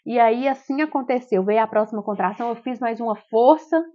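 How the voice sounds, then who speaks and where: A young woman with a Brazilian Portuguese accent, vlogging and telling a personal story in an animated, exclamatory way. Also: a little high, a little fast. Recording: dull lo-fi sound.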